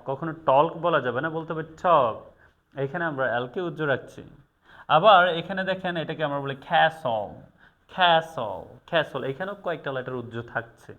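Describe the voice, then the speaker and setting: Male tutor, fairly high voice, patient, repeats each word slowly. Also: fairly bright tone, highs cut off. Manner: slow, stressed repetition of example words. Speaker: English teacher. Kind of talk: video tutorial lesson.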